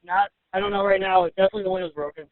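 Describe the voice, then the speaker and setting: A man's voice: high-pitched, steady tone, racing, no echo. A man working as a police officer in the field, giving terse reports over a police radio channel. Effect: police radio transmission. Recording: dry narrowband police radio.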